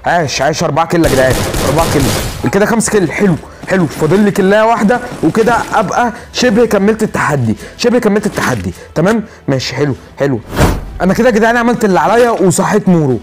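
A man with an Egyptian accent giving live commentary over a mobile shooter game, excitable and talking to himself, repeating words urgently. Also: high voice, rapid-fire, noisy background. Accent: Egyptian Arabic. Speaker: gaming channel host.

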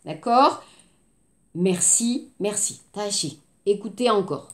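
A woman teaching a French lesson, drilling phrases slowly and repeatedly and switching between French and Korean. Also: mid-range voice. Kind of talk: language lesson.

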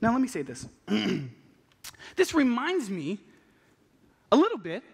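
A young man preaching a passionate, animated sermon from a church pulpit, acting out what people say. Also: high voice, unhurried, gravelly, a little hiss or hum. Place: large church stage at a pulpit. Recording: long reverb of a large hall.

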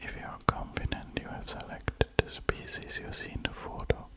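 A man in his thirties speaking in a close-up, hushed wildlife watching whisper, reading aloud and commenting unhurriedly in an ASMR style. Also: normal speed. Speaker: ASMR host. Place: indoors at a computer.

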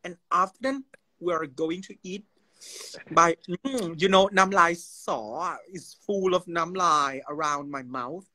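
A man's voice: high voice, lively intonation, sharp tone, no echo. A young man from Thailand chatting casually on a phone livestream, playfully demonstrating food as he talks. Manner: playful, drawn-out food demonstration with a running commentary. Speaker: livestream host.

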